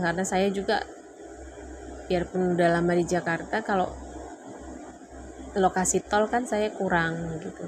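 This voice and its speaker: A woman casually telling a personal story in a lively way, getting louder when she recalls arguments. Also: fairly low pitch. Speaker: vlogger telling her marriage story. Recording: clearly noisy background.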